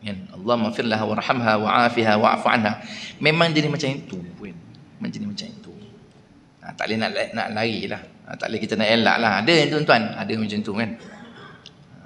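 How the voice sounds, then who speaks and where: A man's voice: fairly low pitch, fast talker, pauses often. A man with a Malaysian Malay accent giving a mosque lecture, telling anecdotes and acting out the voices of the people in them. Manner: animated storytelling, acts out voices of shopkeepers. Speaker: religious teacher. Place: prayer hall. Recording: echoey prayer hall.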